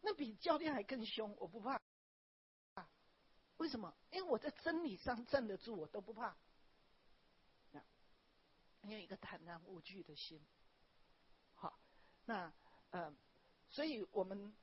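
A woman pastor, preaching a sermon and telling personal stories in an animated way, often tagging her phrases with a small "ha". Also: mid-range voice, measured pace, long pauses, husky. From Taiwan. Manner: animated storytelling, frequent "ha" tags, wraps points with "okay, like this". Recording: dull lo-fi recording.

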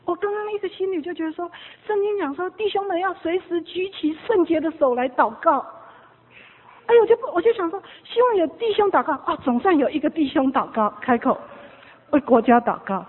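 A woman preaching a sermon, swinging between loud exhortation and hushed tones, telling stories with quoted dialogue. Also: very high-pitched, lively intonation, fairly quick. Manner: storytelling with quoted dialogue and small laughs. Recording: tinny phone-like sound.

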